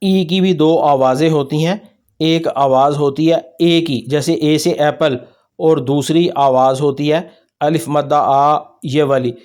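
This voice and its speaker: A man's voice: a little high, steady tone, measured pace, darkish tone. A man with a Pakistani Urdu accent teaching pronunciation over slides, patiently repeating each word for practice. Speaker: language teacher. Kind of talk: slide-based pronunciation lesson.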